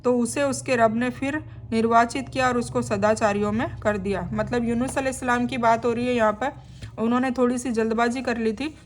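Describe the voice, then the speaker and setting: A woman's voice: a little high, steady tone, a little fast, a little hiss or hum. A woman reading a scripture translation aloud and then explaining each passage in plain, conversational words. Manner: adds friendly check-ins to the listener. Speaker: Quran translation teacher.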